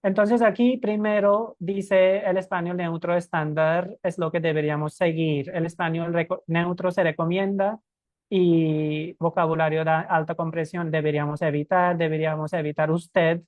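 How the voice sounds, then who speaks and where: A woman with a fairly low voice leads a live-stream lesson for Spanish teachers, explaining emphatically and often correcting herself. Her voice sounds close and dry, with no room around it. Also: fairly even intonation, moderate pace, darkish tone, no room sound.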